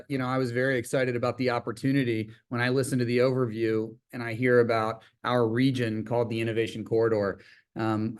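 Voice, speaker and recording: A man giving an informal business presentation over a video call as a company executive, with hesitant, halting phrasing. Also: lowish voice.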